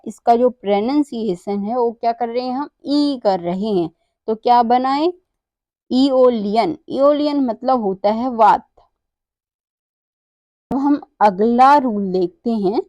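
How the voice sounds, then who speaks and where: A woman's voice: fairly high pitch, a little mellow, no room sound. A woman teaches English pronunciation rules, spelling words out letter by letter and asking and answering her own questions. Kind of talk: slow spelling-out lesson.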